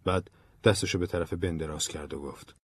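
A man narrating an audiobook in a calm, even storytelling manner. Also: low-pitched, breathy edge, no echo, clean studio sound. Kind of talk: scripted narration.

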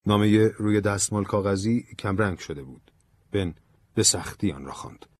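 A man narrating an audiobook in a calm, even storytelling manner. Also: on the low side, no echo, studio quality. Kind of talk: scripted narration.

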